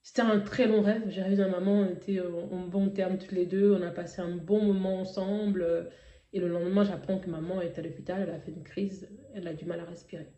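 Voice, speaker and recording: A woman's voice: lowish voice, steady tone, brisk, warm tone, echoey room, muffled recording. Emotional woman telling a testimony. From Africa. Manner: emotional, hesitant, many fillers and restarts. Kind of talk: personal testimony.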